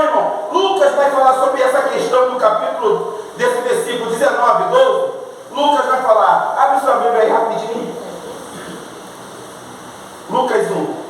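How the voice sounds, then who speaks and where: Brief: high-pitched male pastor, fervent, in a very echoey church hall. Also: a bit bright, recorded from a distance, a little hiss or hum. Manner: fervent, calls out to the congregation. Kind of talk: sermon.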